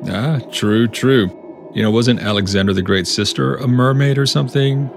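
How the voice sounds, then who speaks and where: A man's voice: mid-range voice, moderate pace, faint music behind. A man co-hosting a podcast in casual banter, teasing and wisecracking. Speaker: podcast co-host.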